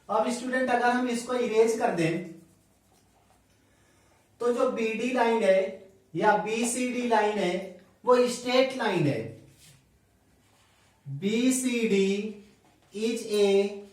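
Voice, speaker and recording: A man teaching a maths class at the board, dictating each step slowly and spelling out angle letters, mixing in English terms. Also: very high voice. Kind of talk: blackboard lesson, dictating steps slowly. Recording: echoey room, voice from a distant mic.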